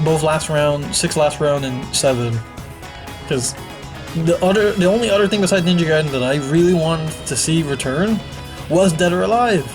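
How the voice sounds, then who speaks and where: A young man ranting casually to camera about a game, excitable and profane, acting out his own past reactions with quick jumps in voice. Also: on the high side. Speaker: gaming YouTuber.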